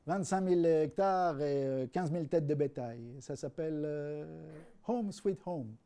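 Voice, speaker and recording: A man's voice: on the high side, a little slow, dark tone, clean tone. Man doing a boastful Texan rancher.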